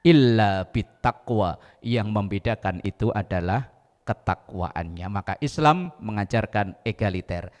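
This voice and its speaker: Indonesian preacher in a reverberant studio. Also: male voice, on the low side, measured pace. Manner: quotes Arabic verses, then explains with jokes. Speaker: Islamic preacher. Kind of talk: religious talk on a TV show.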